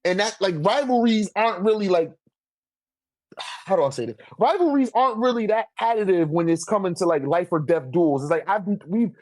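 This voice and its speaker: A man with a high, slightly mellow voice and lively intonation argues a bit fast about where a manga ranks. He keeps it casual and slangy, checking again and again that the listener agrees. The recording has a dry sound.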